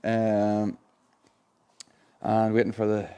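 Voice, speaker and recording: A man of around forty hosts a live prize draw informally in a chatty, colloquial way from an indoor showroom unit with a car and a screen. His voice is on the low side, mellow and smooth, slow, and delivered completely flat.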